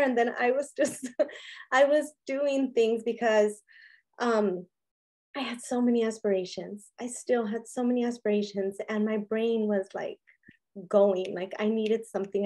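Earnest woman with a higher voice. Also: darkish tone. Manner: earnest and candid, with many "you know" fillers. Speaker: interview guest, business owner. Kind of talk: heartfelt personal storytelling in an interview.

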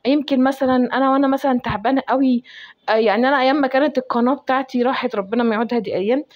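A woman's voice: sits high, very fast, muffled recording. A young woman with an Egyptian accent chatting as she cooks in her home kitchen and giving heartfelt advice. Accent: Egyptian Arabic. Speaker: cooking vlogger. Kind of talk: casual chat while cooking.

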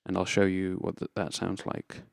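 In this casual, unscripted demonstration, a presenter explains each step of a tutorial in a low, gravelly voice. He speaks at normal speed with a completely flat delivery.

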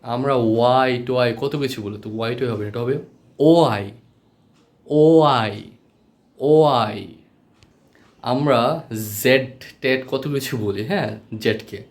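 A man whose first language is Bengali, teaching English letter sounds in a slow spoken lesson, repeating each sound patiently. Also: medium pitch.

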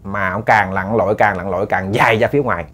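A man's voice: on the low side, fairly even intonation, fast talker, fairly bright tone. A man with a Southern Vietnamese accent telling a ghost story to listeners, casual and chatty with many repeated words.

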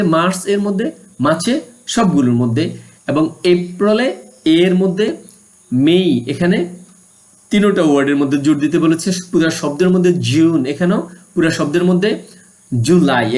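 A man teaching a primary school English lesson, mixing English phrases into his explanations and repeating words slowly for pupils to copy. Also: high voice, a little mellow.

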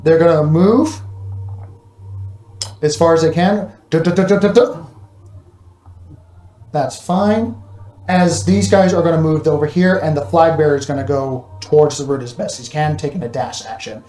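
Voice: medium pitch, normal speed, long pauses, warm tone. Game master at a table, loose and laughing, roomy echo. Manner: casual, laughs often, narrates action in bursts. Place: room with players around a table. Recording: echoey room.

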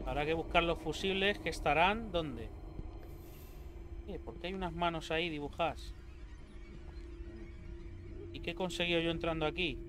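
Gamer yelling and swearing over game music. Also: male voice, a little high, moderate pace, long pauses. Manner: swears a lot, jokey, yells when scared. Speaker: gaming youtuber. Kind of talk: horror game let's play commentary.

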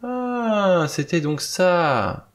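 A man's voice: mid-range voice, big pitch swings, moderate pace, pitched above the performer's own voice, lightly acted. A man reading an audiobook, voicing a bold, decisive adventurer with eager exclamations.

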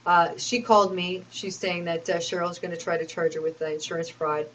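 Aggrieved woman with a lowish voice. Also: little pitch movement, brisk, fairly bright tone, slight background noise, rough recording. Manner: aggrieved, talks in long run-on complaints with many fillers. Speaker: personal storyteller. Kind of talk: rambling personal account.

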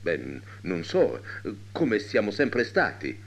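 A man's voice: lowish voice, wildly swooping pitch, slow, exaggerated voice. A man doing a weary, dejected grown son. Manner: soothing, dejected. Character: worn-out troubled adult son.

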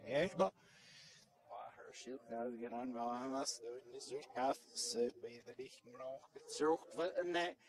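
A man's voice: mid-range voice, moderate pace. A man giving a public talk on a handheld microphone, played backwards so the syllables come out reversed and garbled. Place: indoor presentation room.

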